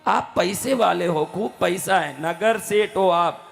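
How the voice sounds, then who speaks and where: A man voicing a greedy, scheming rich merchant's wife, who taunts in a shrill, insistent voice. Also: takes it slowly, creaky, soft background music, exaggerated voice. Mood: mocking, greedy.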